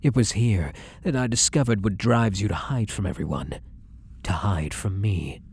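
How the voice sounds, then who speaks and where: In an ASMR roleplay, a man plays a fake psychiatrist who is obsessively loving and possessive, coaxing tenderly in a soft murmur that drifts into whispers. His voice is on the low side and husky, his pace moderate, and the mood is obsessive and intimate.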